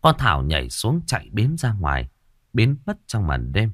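A man narrating a horror story in a dramatic, expressive way. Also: on the low side, moderate pace, no room sound, studio quality.

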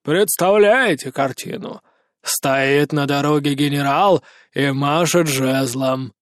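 A slow, low-voiced president who hands down orders with heavy authority, as a man reads him. The voice sits lower than the narrator's own tone and stretches out every phrase. The recording is close and dry. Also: dry recording. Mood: commanding. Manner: slow, low, commanding drawl. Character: slow gruff male president, imperious.

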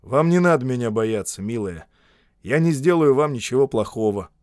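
A man's voice: mid-range voice, expressive, moderate pace, a little mellow, no echo, clean studio sound, lightly acted. Man playing a tough male army officer, blunt, firm, audiobook. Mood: calm. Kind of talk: audiobook character voice.

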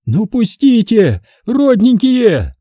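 A man reading an audiobook voices a pushy woman trader who shrieks, begs and snaps in a high, strained voice. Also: very animated, slow, mellow, no echo, exaggerated voice. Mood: pleading. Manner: shrill, pleading and bossy.

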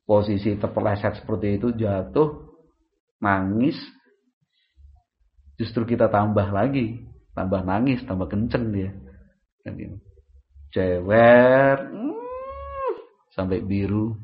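A man's voice: fairly low pitch, unhurried, vocal fry, long pauses, lo-fi sound. A man giving a religious study lecture, talking animatedly and asking his listeners questions. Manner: lively, rhetorical questions to the audience. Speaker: Islamic preacher.

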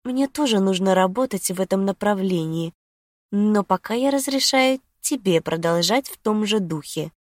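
Женщина-чтица озвучивает игривую, влюблённую молодую женщину, мягко и с придыханием. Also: female voice, mid-range voice, animated, moderate pace, dry recording, clean studio sound, natural voice. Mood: flirty.

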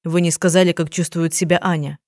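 A woman's voice: fairly low pitch, little pitch movement, fairly quick, darkish tone, no room sound, studio quality, natural voice. A woman reading the lines of a grieving, remorseful young husband who keeps exclaiming in an audiobook. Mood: guarded. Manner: agitated, exclaiming. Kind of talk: audiobook dialogue.

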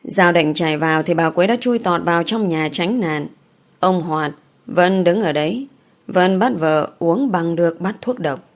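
Female audiobook narrator, steady, lowish voice. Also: a little slow.

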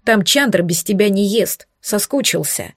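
A woman's voice: mid-range voice, expressive, measured pace, dry recording, clean studio sound. A woman voicing a teasing young adult brother who snorts and bosses others around. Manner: mocking, bossy.

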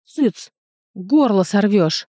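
A woman's voice: medium pitch, lively intonation, normal speed, a little mellow, dry recording, natural voice. A woman putting on a grumpy little house spirit. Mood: scolding. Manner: gruff, scolding, sarcastic. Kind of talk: audiobook character voice.

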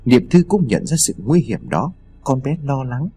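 A man narrating a story in an expressive, measured way with a husky voice. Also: mid-range voice, faint music behind.

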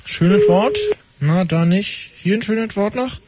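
Brisk high-voiced radio host. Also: male voice, heavy background noise. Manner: brisk, wry, cutting callers short. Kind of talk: fast call-in radio show.

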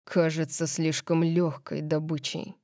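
A woman voicing a brooding male vampire teacher with a rough, clipped way of speaking. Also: low-pitched, flat delivery, a little slow, darkish tone, dry recording, studio quality, pitched below the performer's own voice. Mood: gruff.

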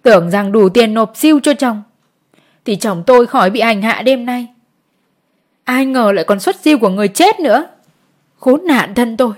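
A woman's voice: fairly high pitch, moderate pace, a little mellow, close to an everyday voice. A woman voicing a poor peasant wife who pleads and cries over taxes she cannot pay. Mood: wailing. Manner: pleading, sobbing.

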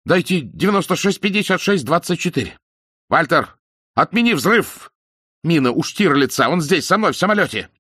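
A man reading an audiobook, voicing a terrified middle-aged male conspirator who shouts and begs in panic. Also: on the high side, lively intonation, moderate pace, slightly rough, dry recording, studio quality, voice pushed up, exaggerated voice. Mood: panicked shouting. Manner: frantic shouting, begging.

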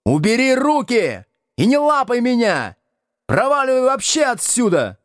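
Male reader playing a shrill enraged wife, high and yelling, for an audiobook. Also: huge pitch swings, measured pace, dry recording, studio quality, full character voice. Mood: furious. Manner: high, screaming tirade. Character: furious young wife shouting at husband.

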